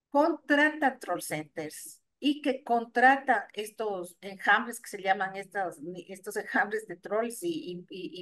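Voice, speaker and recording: Hesitant, thoughtful woman guest. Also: mid-range voice. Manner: thoughtful, many hesitations and restarts. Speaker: guest, NGO executive director. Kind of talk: radio interview, explanatory.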